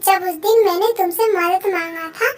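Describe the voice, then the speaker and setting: A woman's voice: very high-pitched, normal speed. A woman voicing a stern, protective magic tree that scolds a crow in a cartoon story. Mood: angry. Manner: scolding, commanding.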